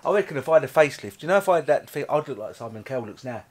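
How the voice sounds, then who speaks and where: Sitting on a bed in a bedroom, a middle-aged vlog co-host rambles through casual chat, cheeky and laughing at his own jokes. His mid-range voice is animated and racing.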